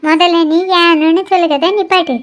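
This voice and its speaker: A woman doing sharp-tongued cartoon girls. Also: very high-pitched, fairly even intonation, normal speed. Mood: scolding. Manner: sharp-tongued, teasing, scolding. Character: bickering young women in a clothing shop. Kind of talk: cartoon voice acting, one voice for several girls.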